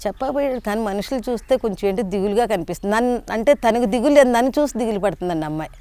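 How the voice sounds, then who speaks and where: An older woman telling personal memories in a polite, halting conversational way, often restarting her sentences. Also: a little high, expressive, warm tone, dry recording. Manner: polite, frequent respectful "andi", halting restarts. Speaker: interviewee sharing devotional memories.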